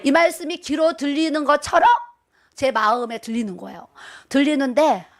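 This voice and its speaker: A woman's voice: high voice, moderate pace. A middle-aged woman, a pastor's wife, preaching a sermon. She speaks emphatically, repeats her words and chuckles through self-mocking asides.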